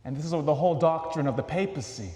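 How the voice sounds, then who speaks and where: A man preaching a homily as a priest, asking questions and moving from loud emphasis to soft asides. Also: fairly high pitch, quick pace. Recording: echoey church hall.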